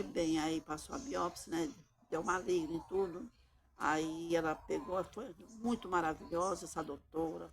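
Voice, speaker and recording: A shy middle-aged woman giving a personal testimony, talking haltingly and often adding tag questions. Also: low-pitched, rough recording. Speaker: testimony giver.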